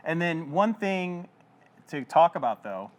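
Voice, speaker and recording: A man hosting a live cooking demo, upbeat and playful, quick with a joke. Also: fairly high pitch, big pitch swings. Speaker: host.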